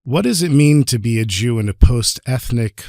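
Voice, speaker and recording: A man's voice: medium pitch, animated, normal speed, darkish tone, no room sound, studio quality. A man hosting an interview, asking curious, brief follow-up questions. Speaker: podcast host, interviewer.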